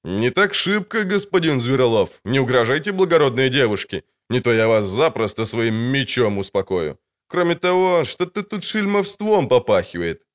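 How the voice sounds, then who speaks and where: Narrator doing a brash young squire, chivalrous bluster, storybook reading. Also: male voice, medium pitch, sing-song, moderate pace, hardly any pauses, pitched above the performer's own voice, natural voice. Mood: gallant. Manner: gallant, threatening bluster. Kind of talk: audiobook character voice.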